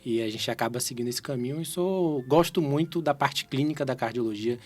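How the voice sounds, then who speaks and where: A man's voice: mid-range voice, brisk, a little mellow, soft background music. A man in his thirties from Salvador, a cardiologist guest, explaining carefully in an interview with frequent tag questions. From Salvador, Brazil. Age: 30s.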